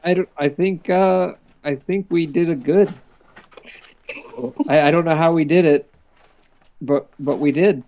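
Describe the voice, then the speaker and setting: A man's voice: fairly high pitch, steady tone, a little slow, pauses often, darkish tone. A man playing in a tabletop game, talking casually and hesitantly with stammered restarts. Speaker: player.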